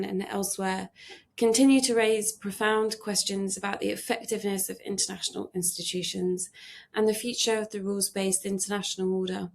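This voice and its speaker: Female podcast host, gravelly, measured interviewer who hedges her questions. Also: medium pitch. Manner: reads a formal introduction, then asks questions with hedging restarts.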